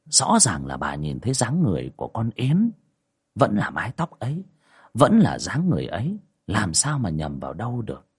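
Man, storyteller, ghost story narration, low voice, husky, very animated pitch. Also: normal speed. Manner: dramatic, lively pitch.

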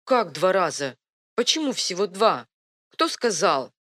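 A woman voicing a headstrong young princess with a sharp, insistent manner in an audiobook. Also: lowish voice, very animated, a little slow, pitched above the performer's own voice, exaggerated voice. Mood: urgent. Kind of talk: audiobook reading.

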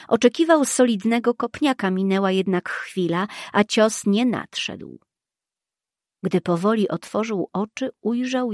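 Slow woman narrating a story. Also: mid-range voice, no room sound, studio quality. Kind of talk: audiobook narration.

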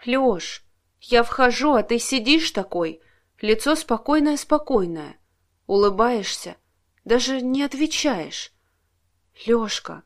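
A woman's voice: on the high side, lively intonation, slow pace. A woman voicing a clingy, tearful young woman who pleads in a raised voice. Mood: tearful pleading.

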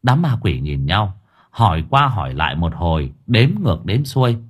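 A man narrating an audio story in a lively, dramatic way. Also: deep voice, moderate pace, breathy edge.

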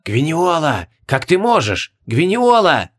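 A man voicing the ghosts of a dead king and queen, speaking in a hushed, reproachful whisper. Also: fairly high pitch, very animated, unhurried, voice pushed up, heavily acted. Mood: accusing. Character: eerie whispering ghosts of dead royal parents, accusing.

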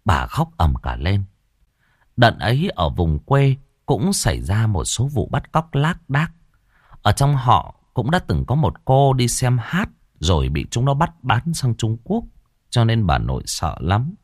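A man narrating a rural ghost story with an expressive, dramatic delivery. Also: mid-range voice, a little slow, dry recording, clean studio sound. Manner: expressive, rises and falls dramatically.

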